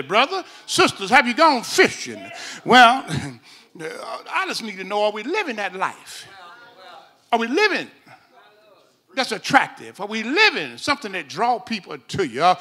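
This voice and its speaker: High, lively man with whooping cadence. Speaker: pastor. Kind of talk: sermon. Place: church sanctuary.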